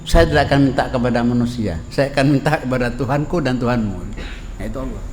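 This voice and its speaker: A man's voice: mid-range voice, quick pace. A man preaching, telling a story, repeating phrases and quoting Arabic, recorded in a reverberant hall with faint background noise. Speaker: Islamic preacher. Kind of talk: sermon on a classical text.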